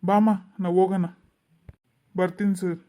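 A woman's voice: on the low side, level tone, normal speed, warm tone, lightly acted. A woman voicing a young husband and son who pleads with a police officer in a cartoon. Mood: pleading.

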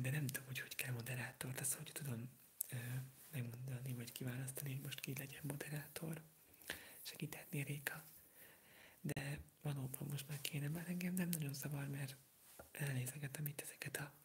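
A man hosting a live ASMR stream, answering viewer comments in a soft unvoiced whisper. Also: a little high, slight background noise. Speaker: ASMR livestream host. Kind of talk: whispered ASMR livestream chat.

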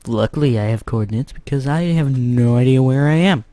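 A young American man casually commenting on his gameplay, joking around and sometimes shouting loudly. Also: mid-range voice, a little fast. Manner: chatty, jokey, bursts into loud shouts. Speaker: gamer.

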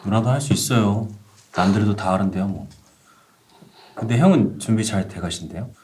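A man's voice: on the low side, moderate pace, a little mellow, natural voice. An actor playing a younger male college student who casually teases an older student in a web drama. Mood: teasing. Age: young adult. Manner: teasing, casual. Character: cheeky younger male college juniors teasing.

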